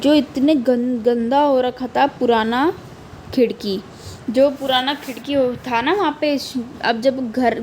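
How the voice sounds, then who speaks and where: A young woman teaches a poem, reading each line slowly and going over its meaning again and again. Her voice sits high. A faint hum runs underneath the recording. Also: a little mellow, poor audio. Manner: explains slowly, reads lines aloud, repeats meanings.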